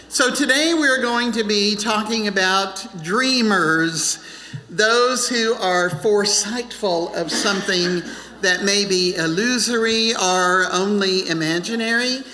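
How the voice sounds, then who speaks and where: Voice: medium pitch, pushed and bright. A folk band member introducing their set to an audience, friendly and joking. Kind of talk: stage introduction to a concert. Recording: long hall reverb.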